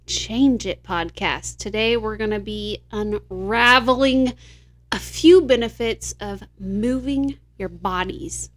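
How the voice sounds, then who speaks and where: A woman's voice: mid-range voice, slow. A woman co-hosting a casual podcast, upbeat and explaining exercise tips. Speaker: podcast co-host.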